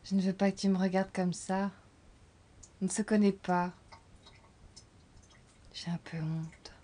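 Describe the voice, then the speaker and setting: An actress playing a frank, restless young woman who talks softly and confidingly to a lover in a film scene. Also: medium pitch, monotone, normal speed, slight background noise, close to an everyday voice. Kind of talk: intimate film dialogue.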